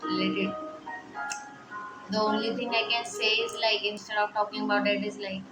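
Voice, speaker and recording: In an echoey room with music in the background, a vlogger in her twenties talks through her personal worries, quietly upset and reflective. Her medium-pitched voice shows little pitch movement and keeps a normal speed, and her rambling, hesitant talk is full of fillers.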